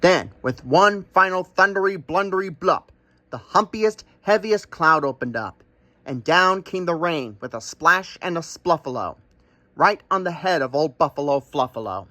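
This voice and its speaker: A man's voice: on the high side, animated, normal speed, bright, forceful tone, no echo. A man reading a rhyming picture book aloud in a playful, sing-song way. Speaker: storyteller.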